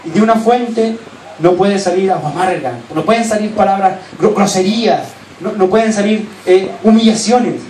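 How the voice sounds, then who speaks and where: A man with a Chilean accent preaching a sermon as pastor, earnestly urging his listeners, then dropping to soft, low asides. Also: normal speed. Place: church hall. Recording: echoey church hall, distant mic, faint hiss.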